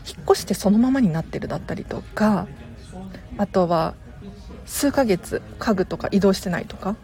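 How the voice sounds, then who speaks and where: A young woman hosting a casual live stream, talking politely and chattily with her viewers. Her voice is mellow and warm, and soft little laughs slip in between her tips. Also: mid-range voice.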